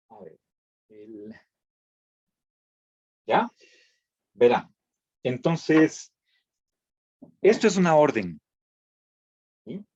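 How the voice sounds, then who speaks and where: A man teaching a philosophy class, pausing to check in with his students and restarting phrases as he goes. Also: fairly high pitch, dry recording. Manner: checks in with frequent "¿sí?", halting restarts. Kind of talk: classroom lecture. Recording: dull lo-fi dry recording.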